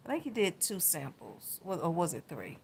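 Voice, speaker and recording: Gravelly-voiced woman telling an emotional story. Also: on the low side, very animated, normal speed, slight background noise. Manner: emotional, heartfelt retelling. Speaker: vlogger. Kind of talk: personal health vlog story.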